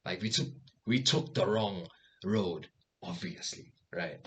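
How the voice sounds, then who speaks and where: A young man telling a casual anecdote, animated, acting out the voices of the people in it and swearing freely. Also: deep voice, slow. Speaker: storyteller.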